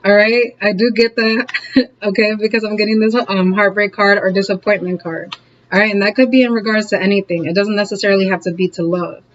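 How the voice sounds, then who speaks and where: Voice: mid-range voice, steady tone, a little fast. Tarot reader, casual and encouraging, keeps checking in with viewers; muffled home recording with light hiss. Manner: chatty, keeps checking in with "okay?" and "all right?"; laughs often, encouraging and direct. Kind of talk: casual tarot reading to camera.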